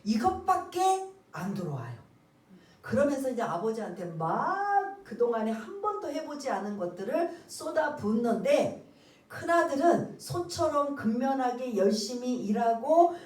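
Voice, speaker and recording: A woman pastor preaches with a fairly high voice that climbs and drops all over the place. She keeps putting questions to the congregation and waiting for their answers. The sound is roomy, and she is heard from some distance off in the church. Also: sing-song, normal speed, a little mellow. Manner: acts out the characters' words in quotes. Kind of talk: sermon. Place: church sanctuary.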